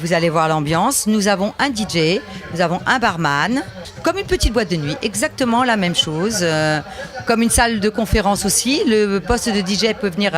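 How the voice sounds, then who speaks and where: Woman selling her concept at a motor show, upbeat list-making pitch. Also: lively intonation, normal speed. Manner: eager, salesy, repeats "nous pouvons" lists. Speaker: promoter presenting a party bus. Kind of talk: promotional pitch at a trade show.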